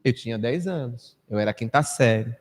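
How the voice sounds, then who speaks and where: A Brazilian man in his fifties giving a storytelling lecture to a live audience, acting out quoted people and dropping to a hush at times. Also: lively intonation, moderate pace. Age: 50s. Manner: anecdotal, acts out quoted people with big pitch swings, drops to a hush. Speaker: spiritist lecturer. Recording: echoey hall reverb.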